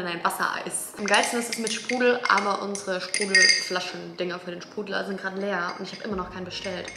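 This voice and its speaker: In a mid-range voice with background noise around it, a twenty-something lifestyle vlogger chats casually to the camera. She comes across as eager and uses plenty of slang. She's in a bright, modern apartment that sounds roomy, with music in the background.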